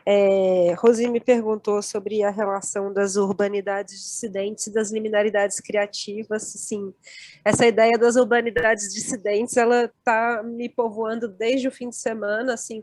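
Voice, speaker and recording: A woman's voice: on the high side, no room sound. A woman, a seminar panelist talking thoughtfully on a video call with loose fillers. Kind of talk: academic talk on a video call.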